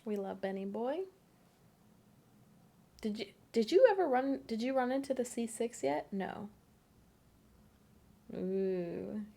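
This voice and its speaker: A woman's voice: fairly high pitch, expressive, takes it slowly, gravelly, long pauses, dark tone. A woman streaming a game live, chatting bubbly and giggly with her co-op partner. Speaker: livestreamer. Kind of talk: casual gameplay chat.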